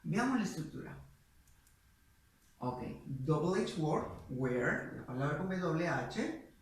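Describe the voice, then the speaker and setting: Slow, patient man teaching a class. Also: a little high, big pitch swings. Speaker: English teacher. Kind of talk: bilingual classroom lesson. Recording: echoey, mic far away.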